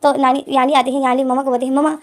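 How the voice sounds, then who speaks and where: A woman's voice: high voice, completely flat delivery, very fast. A woman retelling a fan story casually, chaining lines with repeated fillers. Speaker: fanfiction storyteller.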